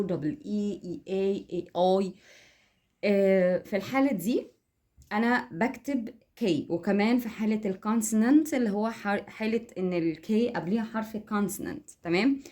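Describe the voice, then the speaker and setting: A woman's voice: medium pitch, darkish tone. A woman with an Egyptian Arabic accent, giving a casual English phonics lesson on her home vlog, explaining step by step and often checking that viewers follow. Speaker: home and English teaching vlogger.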